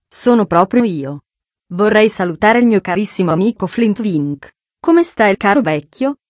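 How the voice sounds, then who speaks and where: Lady doing a loud sneery french guy, slow mocking drawl, storybook reading. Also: medium pitch, lively intonation, dry recording, close to an everyday voice. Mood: boisterous.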